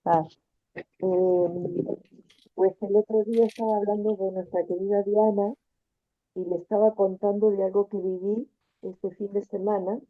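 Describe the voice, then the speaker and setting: A woman earnestly sharing a personal story on a group video call, reflective and pausing often to find her words. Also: mid-range voice, level tone. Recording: narrow phone-like video call audio.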